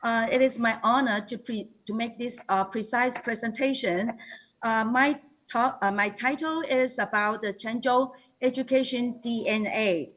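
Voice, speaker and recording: A woman's voice: fairly high pitch, a bit bright. A woman with a Taiwanese accent gives a formal slide presentation as a school principal, hesitating and correcting herself often. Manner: halting, frequent hesitations and self-corrections.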